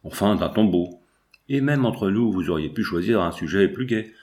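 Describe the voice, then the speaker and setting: A man's voice: low voice, animated, moderate pace, a little mellow. A man reading the lines of an opinionated, pompous bourgeois father in an audiobook, speaking emphatically. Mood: emphatic.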